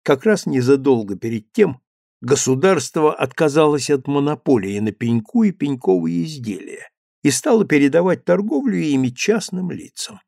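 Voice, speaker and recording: A man narrating an audiobook story in a measured storytelling manner. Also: on the high side, lively intonation, vocal fry, a little mellow, no echo, studio quality.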